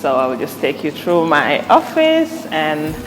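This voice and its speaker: A young woman from Gambia, a company director, giving a relaxed, friendly tour of her office and explaining her work. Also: low voice, unhurried, soft background music, low-quality recording. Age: young adult.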